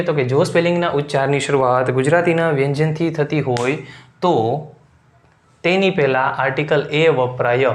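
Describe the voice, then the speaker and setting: A man with a Gujarati accent teaches a recorded lecture in a slightly higher voice than most men. He keeps checking that his students follow along with short questions. The room is echoey.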